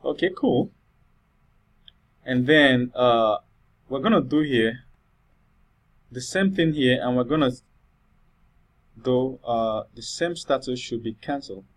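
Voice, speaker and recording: A man's voice: mid-range voice, slow pace, long pauses. A man giving a screen-recorded coding tutorial, thinking aloud with many fillers and checking in with "all right?".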